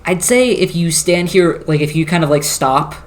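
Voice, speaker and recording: A game master narrating a tabletop game, describing a scene in slow, searching phrases with filler words. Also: medium pitch, lively intonation.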